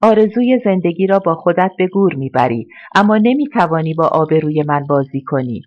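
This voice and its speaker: A reader voicing a cold, threatening male crime boss who makes slow, intimidating threats, in a slightly dull recording. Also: mid-range voice, expressive, close to an everyday voice. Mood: menacing.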